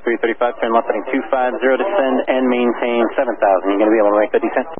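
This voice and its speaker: Rapid-fire male controller over staticky radio. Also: mid-range voice, level tone. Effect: aircraft radio with static. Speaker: approach air traffic controller. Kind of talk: clipped radio air traffic instructions. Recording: narrow radio band with faint static.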